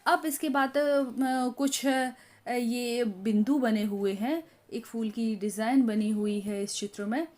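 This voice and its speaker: A woman teacher from India explaining a lesson step by step, pausing often with fillers and drawing out example words as if for young children. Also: a little high, a little mellow. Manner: slow, halting explanation with many filler pauses; models words for children in drawn-out syllables. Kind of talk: teacher training walkthrough of a workbook lesson.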